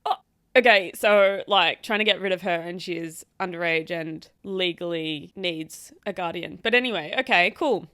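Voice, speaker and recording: A woman hosting a casual reaction chat, animated and outspoken, who swears freely and talks straight to her viewers. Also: on the low side, moderate pace, dry recording, clean studio sound. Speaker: host reacting to online stories.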